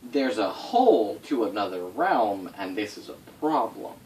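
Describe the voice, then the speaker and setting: Here a game master fills his players in on the setting's lore, rambling informally, swearing and correcting himself as he goes. His voice is lowish and darkish in tone, very animated, and a little slow. It's captured on a distant mic with faint noise behind it.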